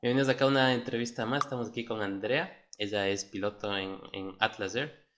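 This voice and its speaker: A man's voice: on the low side, fairly quick, lo-fi sound, noisy background. A man with an Ecuadorian accent hosting an interview, chatty and often repeating words as he searches for his phrasing. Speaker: interview host.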